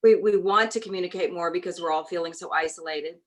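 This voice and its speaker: A woman from New Orleans, a shop owner talking as an interview guest, telling her story in a chatty, animated way. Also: lowish voice, quick pace, poor audio. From New Orleans, USA. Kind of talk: casual conversational interview.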